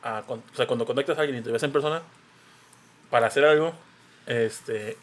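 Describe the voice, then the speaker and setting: A man's voice: mid-range voice, a little fast. A man with a Mexican Spanish accent hosting a casual podcast, rambling and restarting as he tells his stories. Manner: rambling, full of fillers and restarts. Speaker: podcast host.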